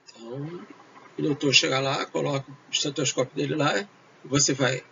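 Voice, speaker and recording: A man teaching a recorded video lesson, talking slowly and hesitantly with many fillers and switching between Portuguese and English. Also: on the high side, gravelly, sharp tone. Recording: dull lo-fi with faint noise.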